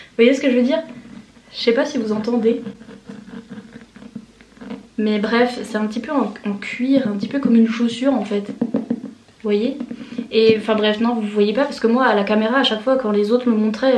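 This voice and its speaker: A woman's voice: fairly high pitch, darkish tone, roomy sound. A young woman chatting to camera at her desk at home, rambling and giggly, with lots of fillers. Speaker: vlogger. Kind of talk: casual chat to camera.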